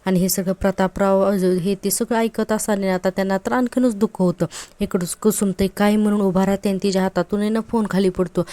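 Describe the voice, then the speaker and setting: A woman's voice: mid-range voice, steady tone, fairly quick, mellow. A woman giving a casual recap of a TV serial episode, retelling each scene and quoting the characters in her own voice. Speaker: TV serial reviewer.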